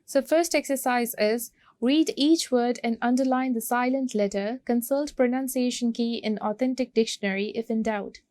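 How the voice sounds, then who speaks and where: A Pakistani woman teacher walks through an English vocabulary lesson slowly, word by word, mixing Hindi and English as she explains. Her voice is slightly high and a little mellow, recorded without echo.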